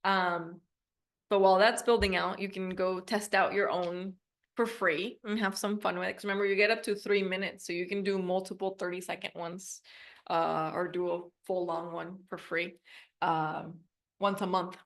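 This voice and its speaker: Chatty woman with creaky voice. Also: fairly low pitch, level tone, normal speed. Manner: informal, upbeat, chatty. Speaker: online class teacher. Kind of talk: casual live software demo. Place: online video class with screen share.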